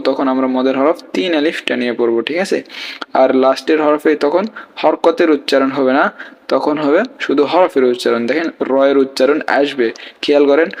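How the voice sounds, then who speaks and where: A man with a slightly high voice gives a patient Quran reading lesson. He spells out letters and their vowel marks one by one, then draws out the recited words slowly. He keeps asking the listener questions and answering them himself.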